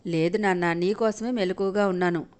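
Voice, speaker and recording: A woman's voice: fairly low pitch, steady tone, moderate pace, darkish tone, close to an everyday voice. Woman voicing a tender, worried grandmother. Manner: soothing, tender scolding.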